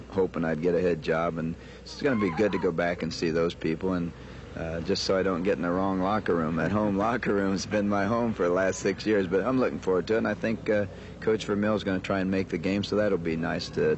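A middle-aged man, a football coach, giving casual interview answers on a dull recording outdoors with noise behind him. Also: deep voice.

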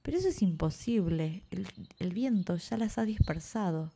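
A woman's voice: fairly low pitch, animated, normal speed, creaky, warm tone, slight background noise. A woman reading the lines of a worried adult man who regrets spreading gossip, in a plain storybook manner. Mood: pleading.

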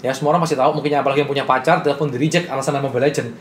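A young man talks very fast as a guest in a casual interview. He tells his business story with bold, brash confidence. A roomy echo and faint noise surround his voice. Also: medium pitch, fairly even intonation.

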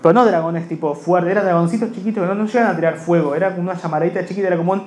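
A man's voice: high voice, steady tone, rapid-fire, darkish tone, slight background noise. A young man with a Rioplatense accent telling a long stand-up comedy story in a rambling, self-mocking way. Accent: Rioplatense Spanish. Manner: rambling, self-mocking, slips into quoted voices.

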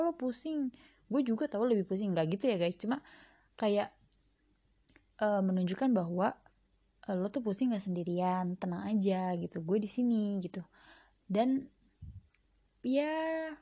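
Chatty young woman, mellow voice. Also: medium pitch, no echo. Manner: chatty, reflective, many fillers. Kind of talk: casual solo monologue. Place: home at night.

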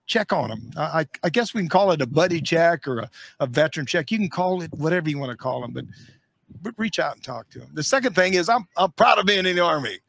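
A man's voice: fairly high pitch, animated, fast talker, vocal fry, a bit bright. An older American man hosting a podcast as a retired Army sergeant major, talking casually and earnestly to viewers in a folksy, emphatic way. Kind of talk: casual podcast sign-off and heartfelt address to viewers.

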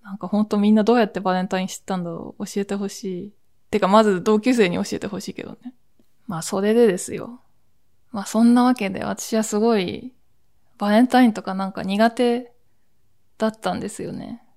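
A woman's voice: medium pitch, fairly even intonation, dark tone. Podcast host in her 40s, from Akita: a woman with a chatty, meandering solo storytelling style. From Akita, Japan. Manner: chatty, drawn-out storytelling with laughs and asides.

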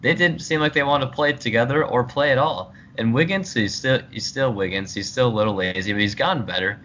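A man's voice: medium pitch, a little fast, a bit bright. A man co-hosting a sports podcast, speaking in a plain-spoken, candid way. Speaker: podcast co-host. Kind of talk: casual sports chat. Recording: dull lo-fi sound with faint noise.

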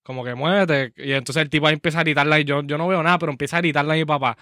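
Fast, bright-voiced Puerto Rican young man. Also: a little high, no room sound, clean studio sound. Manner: swears constantly, animated storytelling. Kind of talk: casual podcast chat.

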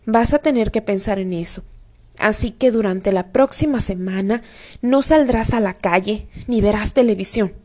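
A woman's voice: mid-range voice, moderate pace, mellow, lightly acted. Woman reading as strict angry dad laying down the law, stern and clipped. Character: stern angry father scolding his son.

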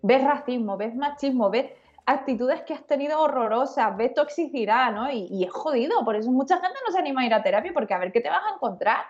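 A woman guest on a podcast interview, talking in an animated, slangy and frank way. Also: high voice, fast, dull audio. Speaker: guest illustrator. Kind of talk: conversational interview.

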